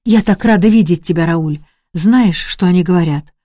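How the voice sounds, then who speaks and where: A reader voicing a young, gravely ill woman who insists feverishly that she will live and orders others about. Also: mid-range voice, moderate pace, dark tone, no room sound, clean studio sound, natural voice. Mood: desperate. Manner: pleading, then commanding and mocking. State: coughing, short of breath.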